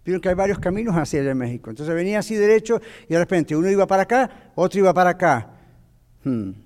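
A man with a high voice talks fast while teaching a Bible class conversationally, as an animated storyteller who asks his audience questions. The recording carries the long reverb of a hall.

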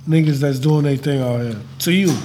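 A man's voice: on the high side, a little fast, dark tone. Pushy questioning man, faint room noise. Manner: pushy, keeps steering and pressing with questions. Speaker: podcast guest. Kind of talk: casual bar-table chat. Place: rented event space, indoors.

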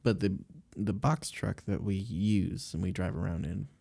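A man's voice: sits low, unhurried, gravelly, warm tone, breathy edge. A man, co-hosting a casual chat and rambling through stories with fillers and laughs.

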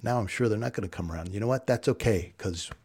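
Gravelly fired-up male podcast host. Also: lowish voice, fast, darkish tone. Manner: preachy call-and-response rallying. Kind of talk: fired-up solo podcast monologue.

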